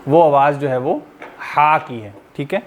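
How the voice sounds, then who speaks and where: A man's voice: fairly high pitch, measured pace, phone-quality sound, slight background noise. A man teaching tajweed to a class, patiently explaining and demonstrating each letter sound. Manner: patient, explanatory, often checking in with "theek hai".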